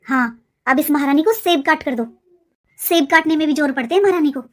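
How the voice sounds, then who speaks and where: A woman's voice: high-pitched, fairly quick, natural voice. A woman voicing a nagging younger sister-in-law in a cartoon, a resentful young wife who complains sharply and sulks. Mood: grumbling. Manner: sharp, sulky, grumbling. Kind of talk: cartoon voice acting.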